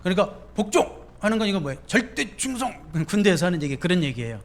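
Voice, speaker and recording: Casting: a male pastor, slightly high voice, chatty sermon full of questions to the pews. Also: expressive, fast. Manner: conversational, asks the congregation questions.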